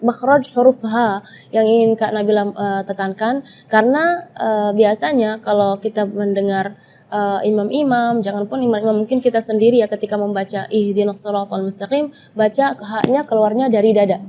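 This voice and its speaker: A woman's voice: mid-range voice, normal speed, mellow, a little hiss or hum. A woman with an Indonesian accent explaining Quran recitation rules in a tajwid lesson, hesitating often with filler sounds. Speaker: Quran reading teacher.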